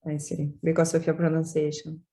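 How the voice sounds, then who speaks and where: A woman's voice: deep voice, completely flat delivery, brisk, mellow. A woman on a video call asking polite questions in careful English. She apologizes often and speaks with the courtesy of a learner.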